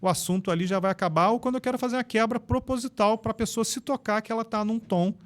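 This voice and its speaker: A Brazilian man explaining ideas in an animated, instructive way as a guest on a casual podcast. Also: high-pitched, quick pace. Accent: Brazilian Portuguese. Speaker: podcast guest, NLP trainer.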